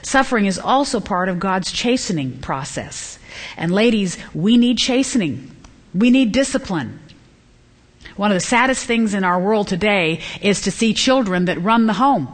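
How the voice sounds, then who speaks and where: A middle-aged woman teaching from the Bible to a women's gathering, earnest and climbing high and emphatic when she stresses a point, acting out the voices of children and parents. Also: lively intonation, normal speed. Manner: acts out quoted children and parents.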